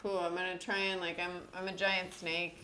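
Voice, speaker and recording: A woman's voice: fairly low pitch, flat delivery, normal speed, pushed and bright, slight background noise. A woman playing a tabletop game, thinking through rolls and numbers aloud in a hesitant way. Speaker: player.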